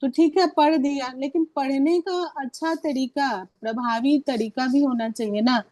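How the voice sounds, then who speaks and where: A woman teaching fellow teachers over a video call, walking through each point patiently and stopping to ask rhetorical questions. Her voice sits a little high. The sound is close and dry, with no room around it. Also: fairly even intonation, a little slow, a little mellow, no echo. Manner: patient, explanatory, asks frequent rhetorical questions. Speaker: Hindi teacher training other teachers. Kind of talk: online teacher-training class.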